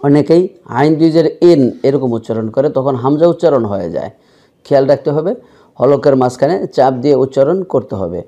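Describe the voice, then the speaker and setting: A man's voice: expressive, fast talker. A man teaching Quran reading in an online lesson, explaining pronunciation and drawing out each sound several times for the class to repeat. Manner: louder and higher when voicing the sounds.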